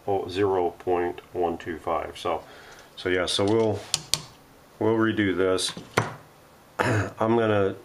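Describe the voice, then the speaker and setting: This man speaks in a low-pitched voice, with some hiss or hum audible. He hosts a radio repair vlog and is doing an off-the-cuff demonstration at his home workshop bench, talking his thoughts through while his hands are busy.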